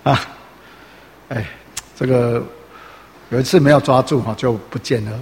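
Chatty preacher in a reverberant hall. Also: male voice, medium pitch, steady tone, measured pace. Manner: chatty, full of filler particles and rhetorical questions. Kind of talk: sermon. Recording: roomy hall reverb, faint noise.

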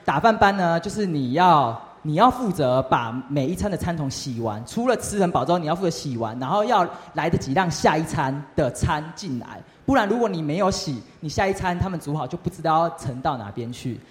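A young man tells a lively testimony story to a youth group, often asking the audience questions. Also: on the high side, a little fast, few pauses. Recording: reverberant hall.

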